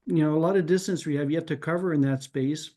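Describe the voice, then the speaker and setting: Quick-paced and low-voiced, a mellow-sounding man from Canada whose first language is French takes part in an easygoing group chat. He thinks through things aloud, restarts frequently, and finishes points with "right?"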